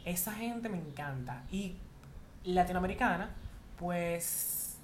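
Campy and playful, this male podcast host chats casually and addresses people as "my love." His voice is high-pitched with lively intonation but a slow pace, recorded in an echoey room with faint background noise.

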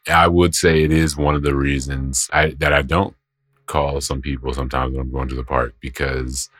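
A man in his thirties with an extremely deep voice talks in a casual podcast chat. He sounds laid-back yet candid, and he leans in hard on his points. The sound is close and dry. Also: level tone, moderate pace, fairly bright tone, no echo. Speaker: podcast co-host, homeschooling parent.

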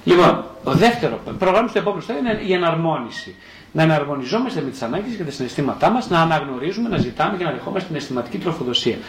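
A man's voice: a little high, reverberant, low-quality recording. A male psychotherapist giving a spoken lecture, asking questions and then answering them himself, and sometimes speaking as a child in the first person. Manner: animated, asks and answers his own questions.

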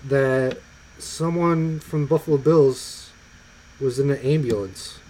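A man's voice: mid-range voice, takes it slowly, mellow. A man co-hosting a podcast in loose, chatty casual conversation, full of ums and likes. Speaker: podcast co-host. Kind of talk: casual chat.

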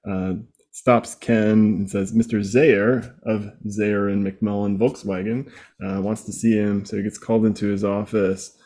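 Mellow, low-voiced man recapping casually. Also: little pitch movement, unhurried. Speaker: podcast co-host. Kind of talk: casual comic book recap.

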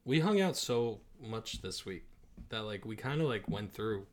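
A young man co-hosting a podcast, dropping quick wry quips in casual chat. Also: lowish voice, lively intonation. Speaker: podcast co-host.

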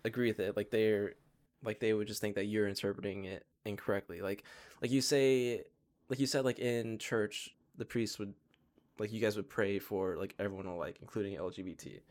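Low-voiced young man in casual chat. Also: fairly even intonation, moderate pace, a little mellow. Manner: loose, searching, lots of "like".

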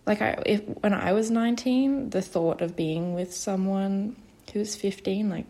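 A woman's voice: medium pitch, normal speed, dark tone. A woman in her twenties hosting a solo podcast, nervous and hesitant, with many fillers and restarts. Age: 20s. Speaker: podcast host. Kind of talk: casual solo podcast talk.

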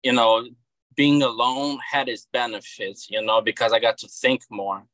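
Speaking at normal speed and medium pitch, a Brazilian man in his thirties with a Brazilian Portuguese accent sounds bright and forceful. A comic book creator, he's a guest in a casual, relaxed interview, and he's hesitant, often stopping and restarting with many repeated words. The recording is dry, with no room echo.

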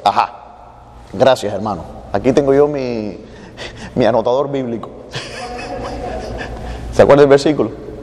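A man's voice: medium pitch, moderate pace, pauses often, darkish tone. A man preaching a conversational sermon in a church, acting out pleading prayers and a stern divine rebuke. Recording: long reverb of a church hall.

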